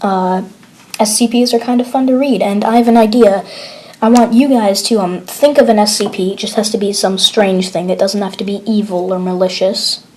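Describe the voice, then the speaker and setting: A woman hosting her own channel, chatting casually and relaxed to her viewers. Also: medium pitch, moderate pace, slight background noise, rough recording. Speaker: channel host.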